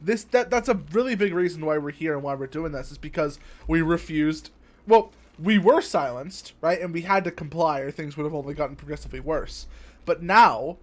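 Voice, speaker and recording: A young man co-hosting a podcast, talking with heated, emphatic conviction and swearing freely. His voice sits a little high for a man. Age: young adult. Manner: emphatic, swears freely, quick to get worked up. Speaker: podcast co-host. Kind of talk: casual podcast chat.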